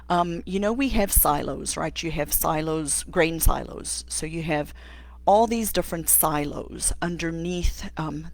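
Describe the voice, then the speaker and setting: A middle-aged woman from Africa, an occupational therapist hosting a live stream and answering viewer questions, thinking aloud with many pauses and restarts. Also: low voice, creaky. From South Africa. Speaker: host.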